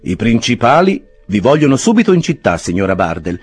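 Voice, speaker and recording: A man reading an audiobook, voicing a smug young law clerk with falsely polite, drawn-out phrasing. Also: mid-range voice, big pitch swings, breathy edge, soft background music, voice pushed up.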